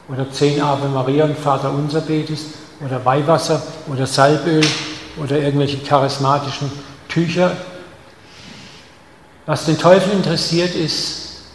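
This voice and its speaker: A man delivers a sermon in a somewhat high voice, addressing his listeners head-on with pointed rhetorical questions. He swings from hushed, intimate lines to loud, stressed ones. The sound carries a long hall reverb over a faint background hum. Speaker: preacher.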